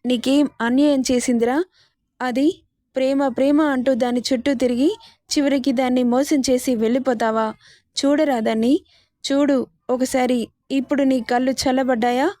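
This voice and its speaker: A woman's voice: sits high, fairly even intonation, moderate pace, warm tone, dry recording, studio quality, close to an everyday voice. Woman voicing a grieving angry mother. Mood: furious. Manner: scolding. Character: middle-aged mother, grieving and furious.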